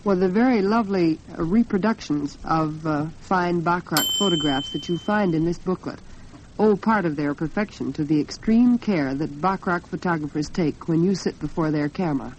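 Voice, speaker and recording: In a radio studio, an American woman hosting a 1940s talk program speaks to her listeners directly and conversationally. Her fairly low, darkish voice moves at normal speed, and the broadcast recording from the 1940s is muffled and noisy.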